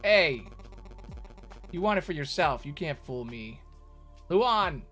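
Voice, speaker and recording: A man's voice: fairly high pitch, animated, slow pace, a bit bright, soft background music. A man voicing a defiant, suspicious male adventurer in a video game, brash, accusing and bossy. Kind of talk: reading video game dialogue in character.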